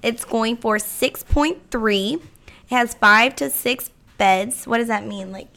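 A woman co-host with a slightly high voice that is worn hoarse from a late night. She reads home listings aloud and breaks in with playful, joking asides. The talk is casual and chatty. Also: takes it slowly, sharp tone. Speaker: co-host of a real estate news show. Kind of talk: casual chat.

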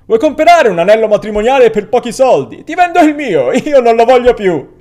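A man voicing a rowdy sidewalk heckler who shouts mocking jokes. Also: extremely high pitch, big pitch swings, fairly quick, voice pushed up.

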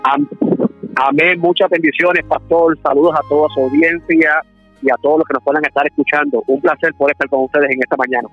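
A man's voice: a little high, steady tone, brisk, faint music behind. A Puerto Rican man in his thirties, a preacher calling in by phone, telling stories in a friendly way and laughing often. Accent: Puerto Rican Spanish. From Puerto Rico. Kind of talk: phone interview testimony. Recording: muffled phone line, dry.

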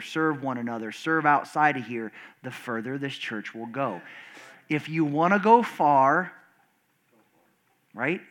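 The congregation answers back as a pastor preaches a lively sermon at their church service. Loud and screechy, he moves between high, explosive outbursts and low, subdued passages, restarting many times.

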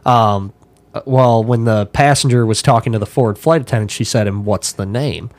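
A man's voice: fairly low pitch, normal speed, dry recording. A man, an airline pilot and podcast guest, telling stories in casual chat, acting out the lines of the people he quotes and laughing often. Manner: animated storyteller, acts out quotes, laughs often.

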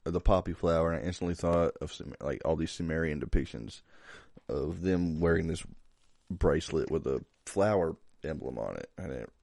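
A man's voice: a bass voice, moderate pace, gravelly, darkish tone, dry recording, studio quality. A young man co-hosting a podcast in casual chat, laid-back, joking crudely. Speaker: podcast co-host.

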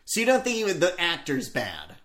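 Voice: medium pitch, wildly swooping pitch, brisk, fairly bright tone. A podcast co-host chatting casually and eagerly, with a voice that swings up and down a lot. Talks with loose enthusiasm and drops the odd swear word. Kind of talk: casual chat about a TV episode.

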